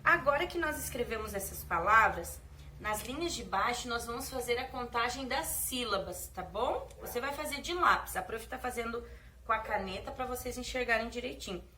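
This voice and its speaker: Brazilian lady teaching little kids, slow and sing-songy, kinda high voice, mic a bit far off with faint hiss. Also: expressive. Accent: Brazilian Portuguese. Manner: slow, warm-hearted teacher talk to small children, drawing out words. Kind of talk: children's lesson.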